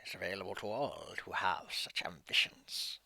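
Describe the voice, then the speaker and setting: A man voicing an ancient, forgetful undead power in a low, cackling, whispery voice, as whispered role-play in a tabletop game. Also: moderate pace, gravelly, pushed and bright, no room sound, full character voice. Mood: sly, tempting.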